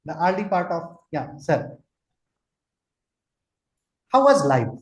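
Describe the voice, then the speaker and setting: A man's voice: on the high side, sing-song, takes it slowly. A man in his forties from Kolkata with an Indian English accent, giving an online lecture, asking listeners questions and slipping into Hindi. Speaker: trainer, lecturer. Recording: roomy echo.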